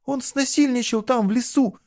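A man reading a storybook voices a distraught young peasant girl who pleads in a high, strained voice. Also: moderate pace, darkish tone, no echo, studio quality. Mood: desperate pleading.

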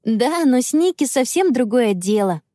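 A woman reading a children's audiobook, voicing an eager young girl who speaks high and pleading. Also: very animated, moderate pace, dark tone, no echo, studio quality.

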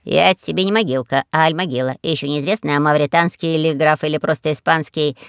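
A man voicing a bold, rude male parrot with a hoarse voice in an audiobook. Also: fairly high pitch, fairly even intonation, fast, a bit bright, no echo, studio quality. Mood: brash. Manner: brash, cheeky.

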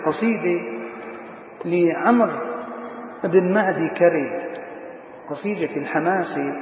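Man teaching grammar, high voice, long hall reverb, tinny phone-like sound. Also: background noise. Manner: questions students, then answers himself. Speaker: sheikh teaching Arabic grammar. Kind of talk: classroom grammar lesson. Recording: tinny lo-fi echoey hall recording.

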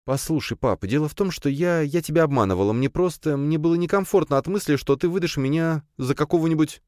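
Man playing a young noble girl, hesitant, halting, high, dry audiobook voice. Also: darkish tone, no room sound, close to an everyday voice. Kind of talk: audiobook character voice.

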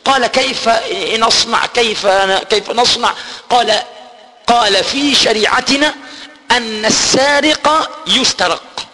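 A man gives a lesson on scripture, retelling the story, explaining the old words and chanting verses slowly. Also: very high-pitched, pushed and bright, in a large hall. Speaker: Quran teacher. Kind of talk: Quran exegesis lesson.

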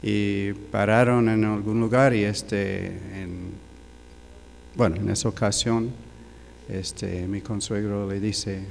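An older man preaching in a slow, unhurried manner, pausing and restarting as he tells his story. His low voice has a gravelly rasp to it. The sound carries a long hall reverb over a faint hum. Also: steady tone, a little mellow. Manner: slow, halting storytelling with fillers. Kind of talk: sermon testimony.

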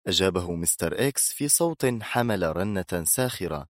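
A man's voice: low-pitched, normal speed, no room sound, studio quality. A man reading a thriller aloud in scripted, dramatic narration. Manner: dramatic, expressive storytelling.

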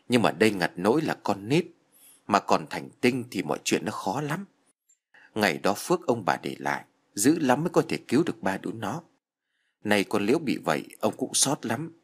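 A man voicing an old village grandfather, speaking slowly and solemnly. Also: lowish voice, breathy edge.

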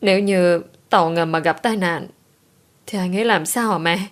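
A woman's voice: lowish voice, normal speed, close to an everyday voice. A woman reading an audiobook romance voices a grieving young woman who talks in a pleading, tearful way. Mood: distraught.

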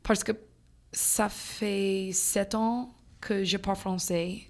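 In casual podcast conversation, a young Louisiana woman who teaches French speaks haltingly, full of fillers, slipping in English words since English is her first language. Her voice is mid-range, steady in tone and a little mellow.

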